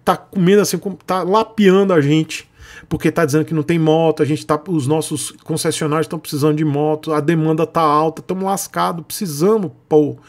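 A man's voice: a little high, steady tone, brisk, natural voice. A man with a Brazilian accent voicing an anxious male company buyer who pleads urgently.

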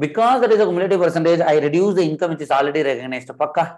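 A South Indian man teaches a class at a very rapid pace in a fairly high voice. His Tamil accent is clear as he switches between two languages, repeats key phrases and keeps asking questions to check understanding. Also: lively intonation, a little mellow. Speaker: accounting teacher.

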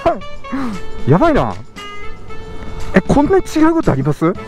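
At a moderate pace, a motovlog host talks from his helmet on a moving motorcycle, excited and laughing. His casual narration jumps between loud shouts and low mutters, while road noise, engine sound, and background music play behind him.

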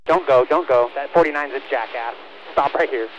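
A man working as a race spotter barks short, repeated commands to a driver over team radio, urgent spotting calls. His voice is medium in pitch and fairly quick. The recording is muffled, with a noisy background.

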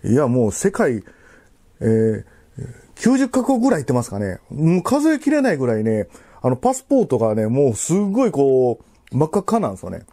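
A man in his thirties with a Kansai accent, chatting casually while eating, in a halting, rambling way with repeated phrases, labored from spicy food. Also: medium pitch, wildly swooping pitch, dark tone. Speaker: food vlogger. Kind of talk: casual chat while eating and drinking to camera. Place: living room at home.

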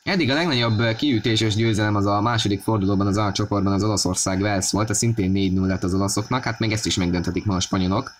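A man giving football match commentary on a video game, excited and raising his voice at key moments. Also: lowish voice, hardly any pauses, slight background noise. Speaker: sports commentator.

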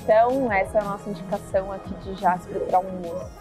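A woman's voice: medium pitch, fairly even intonation, quick pace, loud music behind the voice. A young adult Brazilian woman hosting a travel vlog, chatting casually and explaining things as she goes. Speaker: travel vlogger.

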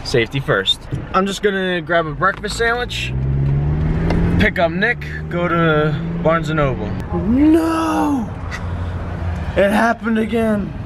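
A young man in his twenties chats to the camera in an upbeat, rambling vlog. His voice sits a little high. The recording carries a clear layer of background noise. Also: animated, measured pace. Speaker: vlogger. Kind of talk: casual vlog chat.

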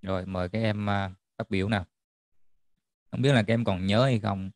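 A man's voice: on the low side, fairly even intonation, moderate pace, no room sound, studio quality. A man tutoring a math class online, checking in often with students as he explains. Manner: checks in often with students, repeating "được chưa?".

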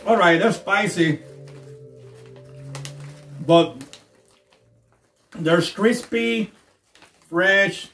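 A man reviewing a snack while chewing, talking casually and halting over his words. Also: high voice, fairly bright tone, reverberant, faint music behind. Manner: halting, repeats words while searching for them. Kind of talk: casual taste-test review.

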